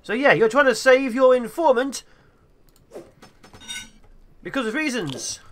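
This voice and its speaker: Super high voiced guy doing playful game commentary, bright and lively, excitable, faint game music. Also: unhurried, a little hiss or hum. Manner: excitable, theatrical. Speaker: gaming video host.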